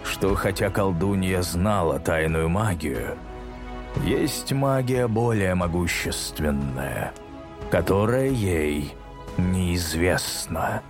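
Guy putting on a big noble lion, calm and grave, talks super slow, low voice. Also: over music. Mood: solemn. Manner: slow, deep and solemn. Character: great noble male lion, calm and majestic.

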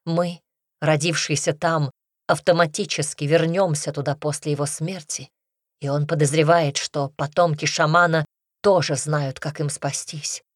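A woman's voice: sits low, fairly even intonation, measured pace, dry recording, clean studio sound. A woman narrator voicing a weary, grave mother explaining bad news in an audiobook. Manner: grave, sad.

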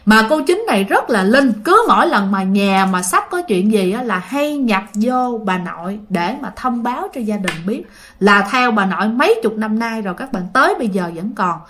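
A woman's voice: medium pitch, lively intonation, normal speed, fairly bright tone. A woman with a Southern Vietnamese accent casually telling a ghost story, chatting directly to her listeners.

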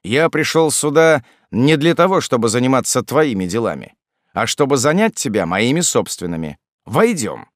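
A man's voice: mid-range voice, big pitch swings, moderate pace, no echo, clean studio sound, close to an everyday voice. A man voicing a stern, commanding young male officer in an audiobook, speaking with firm authority. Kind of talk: audiobook reading.

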